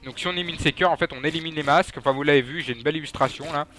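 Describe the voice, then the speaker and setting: A man's voice: fairly high pitch, rapid-fire, fairly bright tone. A young man giving casual, joking gameplay commentary, trash-talking enemies and swearing. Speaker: gaming YouTuber.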